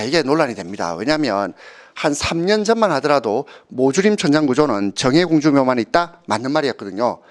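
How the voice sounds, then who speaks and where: Animated man lecturing. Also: medium pitch. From Gyeongsang region of Korea. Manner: keeps asking students to confirm with short tag questions; tells anecdotes and acts out quoted speakers. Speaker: history lecturer. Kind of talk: exam-prep lecture.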